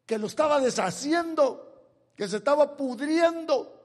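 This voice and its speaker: A man preaching a sermon, swinging from quiet asides to loud, forceful declarations. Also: extremely high pitch, animated, a little slow, big-room sound. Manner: dramatic swings from soft to shouted.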